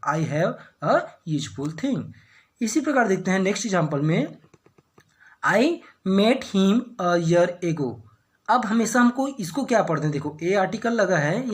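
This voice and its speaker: Woman teaching English grammar in Hindi. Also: mid-range voice. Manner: asks the class questions and answers them herself, reads example sentences slowly.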